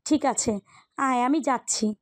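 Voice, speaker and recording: A woman voicing a lively, teasing young woman in an audio love story. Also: high voice, measured pace, no room sound. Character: teasing young woman, the heroine's friendly cousin.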